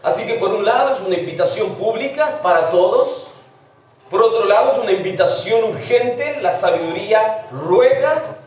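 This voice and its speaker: A man's voice: high voice, animated, moderate pace, far from the mic. A middle-aged man preaching a sermon as pastor, slipping English words into his Spanish. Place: church sanctuary. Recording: very echoey church from afar.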